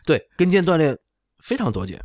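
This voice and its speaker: A man's voice: on the high side, very animated, fairly quick, a little mellow, no echo. Middle-aged man explaining, fairly dry sound. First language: not Chinese. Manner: explanatory, often checking with "right?". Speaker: orthopedic doctor explaining on a talk show. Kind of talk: casual medical explanation.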